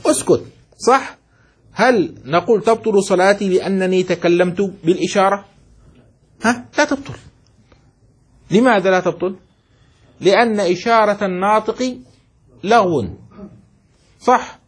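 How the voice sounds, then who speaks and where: A man teaching a classroom lesson, often asking his students questions, repeating his points and chanting rhyming lines slowly for dictation. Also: high voice, husky. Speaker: teacher of Islamic jurisprudence.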